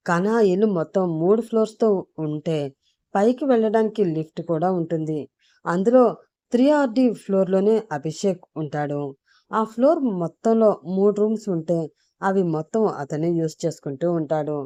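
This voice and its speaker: A woman narrating a scripted audio story in a calm, even storytelling manner. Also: medium pitch, moderate pace, no echo.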